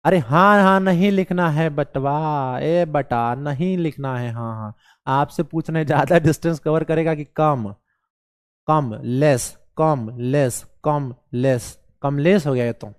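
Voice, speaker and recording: Slow and smooth, a slightly high-pitched man teaches a live online class in a Bihari accent despite a cold that leaves him hoarse and coughing. He jokingly cajoles the students and repeats each question to the class.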